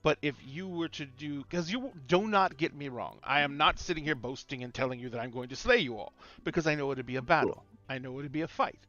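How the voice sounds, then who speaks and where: A man playing an ancient, boastful, evil lich in a tabletop game, bargaining with deliberate, dramatic pauses. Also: a little high, sharp tone, muffled recording, faint music behind. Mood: boastful, matter-of-fact.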